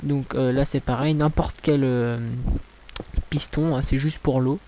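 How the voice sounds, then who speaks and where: A man's voice: medium pitch, fairly even intonation, a little slow, mellow, slight background noise. A young man from France giving a casual, rambling game tutorial commentary, mocking himself and swearing when things go wrong. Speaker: gaming tutorial creator.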